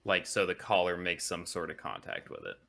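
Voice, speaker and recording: A man's voice: deep voice, steady tone, a little fast, gravelly, pushed and bright. A man playing a tabletop game, rambling casually with many fillers as he describes what his character does. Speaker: player.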